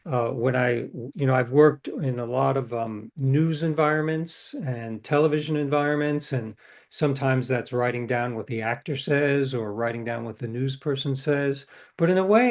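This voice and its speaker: A middle-aged novelist, interviewed as a guest, reflects in a relaxed storytelling way, frequently restarting his sentences. His voice sits at a medium pitch.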